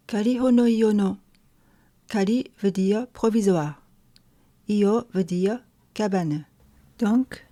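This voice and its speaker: A woman teaching a lesson, explaining calmly and carefully step by step. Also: medium pitch. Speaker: language teacher. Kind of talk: slow explanatory lesson narration.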